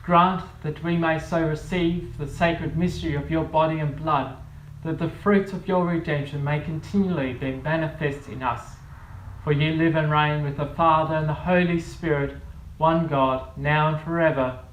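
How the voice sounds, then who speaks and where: A man leading a church service, praying and reading scripture in a measured, solemn way with a cathedral echo. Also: on the high side, fairly even intonation, a little hiss or hum. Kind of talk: liturgical prayer and scripture reading. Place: large church. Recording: echoey church from far off.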